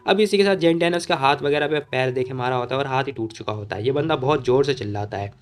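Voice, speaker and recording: A man's voice: mid-range voice, quick pace. A man narrating a comic story recap in a chatty, informal voice-over, talking to the listener like a friend.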